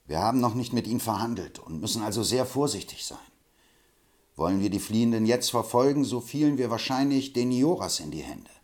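A man reading an audiobook, voicing a calm, stern frontier hero who speaks firmly and commandingly. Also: mid-range voice, brisk, natural voice. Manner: firm and commanding.

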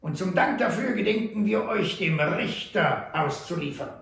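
A man voicing a sly, mocking old male trapper who drawls slowly in a high, gravelly voice. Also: expressive, fairly bright tone, distant mic, full character voice. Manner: slow, teasing drawl. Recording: roomy echo.

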